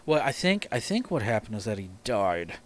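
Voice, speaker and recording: A man's voice: lowish voice, sing-song, moderate pace. A man in his twenties chatting casually on a live stream, rambling and swearing, laughing often. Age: 20s. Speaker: podcast host. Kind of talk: casual chat.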